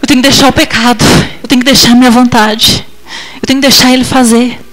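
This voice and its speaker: A high-pitched woman preaches a heartfelt testimony from the pulpit. Her voice leaps up and drops low, loud one moment and hushed the next, as she acts out her own past replies. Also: little pitch movement, fast talker, poor audio. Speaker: missionary preacher. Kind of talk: testimony sermon.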